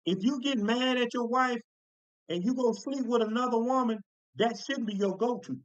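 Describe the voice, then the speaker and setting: A man delivers a sermon in a high, ringing voice. He talks in a folksy, emphatic way, repeating phrases and stretching out key words for weight. The sound is dry and close. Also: normal speed, no room sound, lo-fi sound. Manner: folksy, emphatic preaching with repetitions. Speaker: preacher.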